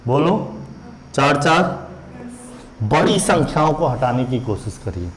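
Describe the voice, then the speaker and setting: A man's voice: medium pitch, big pitch swings, unhurried. A male maths teacher leading a classroom lesson, quizzing students with repeated questions in a teasing, scolding tone. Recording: echoey room, faint background noise.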